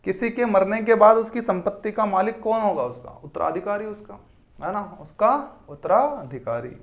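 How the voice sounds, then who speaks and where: Man, high voice, teacher, exam-prep lesson, repeats terms, quizzes students. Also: moderate pace, lo-fi sound. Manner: repeats each term and quizzes the listener; addresses students as children.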